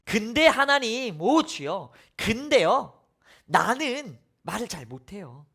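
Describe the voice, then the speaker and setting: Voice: medium pitch, very animated, takes it slowly, pushed and bright, breathy edge, full character voice. A preacher acting out Moses as a nervous man making excuses, whiny and pleading. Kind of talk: sermon retelling with acted voices.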